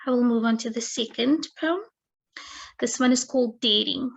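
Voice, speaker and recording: A woman reading her own poetry aloud, measured and deliberate, over a video call. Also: on the high side, vocal fry. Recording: muffled lo-fi video call audio.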